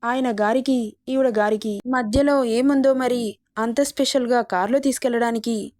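Snide middle-aged neighbor women trade insinuations in a storybook reading, as a woman voices them. The voice sits somewhat high and sounds dry and close. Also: fairly even intonation, normal speed, darkish tone, no room sound, lightly acted. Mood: sneering. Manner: sneering, insinuating.

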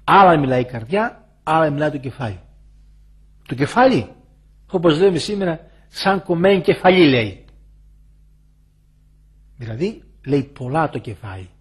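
An older man, a monastic elder, giving a spoken sermon full of rhetorical questions and emphatic repetition, with a husky voice. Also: fairly high pitch, very animated, long pauses.

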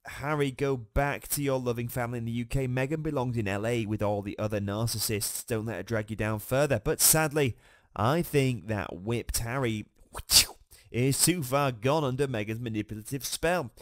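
A man's voice: medium pitch, moderate pace, dry recording. Snarky male gossip host, dry sound. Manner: snarky, mocking. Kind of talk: scripted gossip commentary.

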